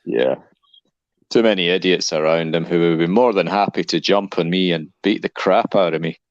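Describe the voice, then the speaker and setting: Deep-voiced man with a Danish-Scottish accent. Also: normal speed, dull audio. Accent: Danish-Scottish mix. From Denmark. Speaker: guest caller. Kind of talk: casual chat. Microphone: mobile phone.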